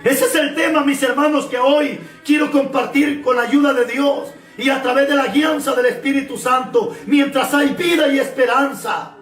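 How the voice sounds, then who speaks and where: A man preaching a fervent sermon, repeating phrases and often shouting. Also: very high voice, fairly even intonation, moderate pace, echoey room, distant mic, faint music behind. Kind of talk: shouted Pentecostal-style sermon.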